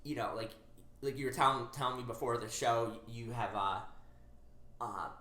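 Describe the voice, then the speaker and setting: Male co-host, loose halting chat, bright tone in an echoey room. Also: mid-range voice. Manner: halting, filler-heavy, many "like"s and "yeah"s. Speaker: podcast co-host. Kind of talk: casual comedic chat.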